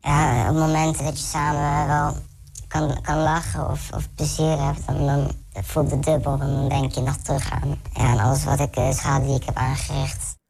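A young man in a news interview clip, his voice distorted and pitch-shifted deep to hide who he is, speaking hesitantly and repeating words. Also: completely flat delivery, normal speed, gravelly, darkish tone, slight background noise. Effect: voice distorted and pitch-shifted deep for anonymity.

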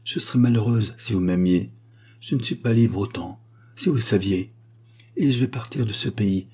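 A man reading a gentle, hesitant young woman. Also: on the low side, normal speed, husky. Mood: tender. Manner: soft, quiet delivery.

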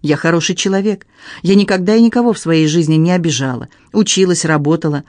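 A man's voice: fairly high pitch, fast, darkish tone, no echo, studio quality, natural voice. A man voicing a hurt, indignant young stepdaughter who speaks reproachfully.

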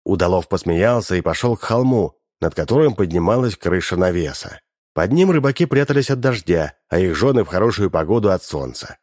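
A man with a lowish voice narrating an audiobook like a lively storyteller. The recording is dry and close, with no room sound. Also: fairly quick, dry recording.

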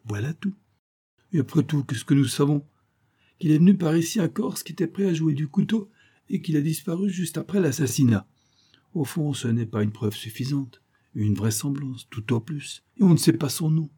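A man's voice: fairly high pitch, animated, moderate pace, dark tone, breathy edge, voice pushed up. A man reading the part of a shrewd, playful detective in an audiobook. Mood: sly. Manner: sly, teasing.

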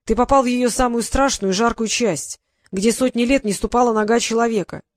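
A woman's voice: fairly high pitch, a little fast, no echo, studio quality, natural voice. A woman voicing a grumpy, talkative male creator who lectures and grumbles, in an audiobook reading. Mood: grumbling. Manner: irritable, lecturing, sighing.

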